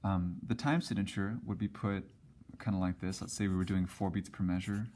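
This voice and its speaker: A man's voice: deep voice, steady tone, a little fast, darkish tone, a little hiss or hum. A man teaching a casual music lesson, explaining at a whiteboard with frequent ums and restarts.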